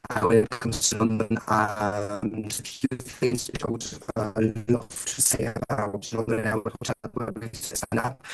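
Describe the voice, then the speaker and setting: A man's voice: medium pitch, rough recording. A man giving an upbeat sales presentation over a video call, with audio that breaks up at times and a lot of glowing adjectives. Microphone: computer mic on a video call.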